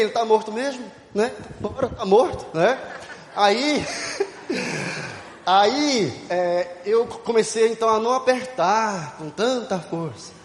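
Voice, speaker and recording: Male preacher, high and lively delivery, sermon storytelling, booming hall reverb. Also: a little hiss or hum. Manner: animated storytelling, shouting and laughing. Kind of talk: youth conference sermon. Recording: echoey hall.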